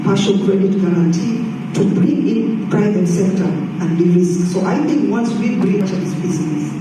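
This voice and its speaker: A man from Tanzania, giving an unscripted conference speech as a development bank representative, halting and pausing often. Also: sits high, mellow. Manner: unscripted and halting, with many pauses. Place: large conference hall. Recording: echoey hall from far off, faint noise.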